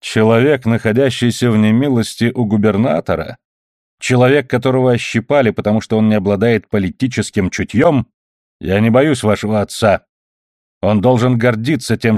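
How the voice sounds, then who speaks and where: Arrogant army captain, fawning then scornful, read by a man in a low, dry voice. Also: normal speed, a little mellow, dry recording, lightly acted. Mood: mocking. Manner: smug, ingratiating, then mocking. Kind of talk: audiobook character reading.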